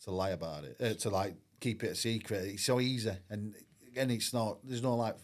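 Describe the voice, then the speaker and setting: Guy, lowish voice, rambling and candid, lots of "like". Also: a little fast. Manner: candid, rambling, frequent "I says" and "like". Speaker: guest, former professional footballer. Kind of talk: casual storytelling interview.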